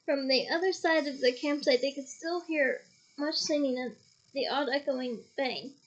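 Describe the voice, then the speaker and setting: Woman reader, high voice, chatty asides, lo-fi home recording. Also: normal speed. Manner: casual, stops to comment and laugh. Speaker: audiobook reader. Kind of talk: reading a novel aloud with asides.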